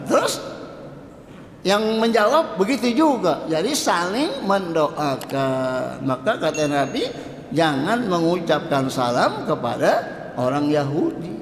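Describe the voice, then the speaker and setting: A man giving a conversational mosque lecture as a preacher, stretching out quoted greetings slowly. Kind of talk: mosque dawn study lecture. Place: mosque hall. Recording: echoey mosque hall with faint rumble.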